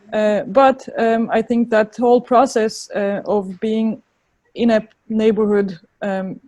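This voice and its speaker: A woman with a Turkish accent answering interview questions in a thoughtful, halting way, often searching for words. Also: mid-range voice, mellow, no room sound. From Turkey. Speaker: interviewed urban designer.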